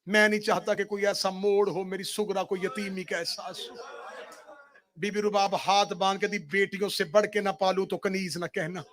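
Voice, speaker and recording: A man's voice: sits high, flat delivery, fairly bright tone. A man, a religious orator, reciting a mourning sermon as mournful, dramatic storytelling and voicing the people in the story.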